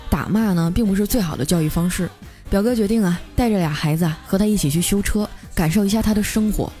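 A woman radio host tells a comic story in a lively, chatty way and draws out her little particles. Her voice sits at a middling pitch, over faint background music. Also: fast talker.

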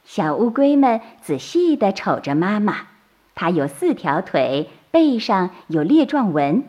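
Woman, children's bedtime storyteller; slow, lively intonation. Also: mid-range voice, muffled recording. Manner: slow, soothing and expressive.

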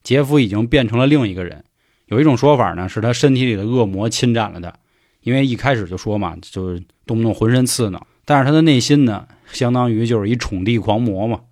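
A man's voice: mid-range voice, fast, a little mellow, no room sound, studio quality. A man with a Beijing Mandarin accent telling an urban legend in a chatty, colloquial podcast style. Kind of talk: podcast storytelling.

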